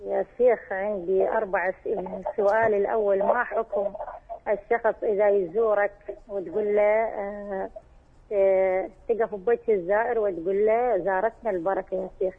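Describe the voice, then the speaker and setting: A woman's voice: mid-range voice, steady tone, fairly quick, breathy edge. A woman calling in to ask a religious scholar questions, speaking earnestly and pleading, often addressing him as sheikh. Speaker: caller. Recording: tinny phone line.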